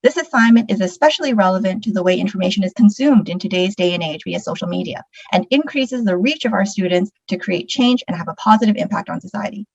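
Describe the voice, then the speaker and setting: A woman's voice: mid-range voice, expressive, quick pace, few pauses, a little mellow, slightly rough, dry recording, muffled recording. A woman reading a scripted presentation as one of its presenters.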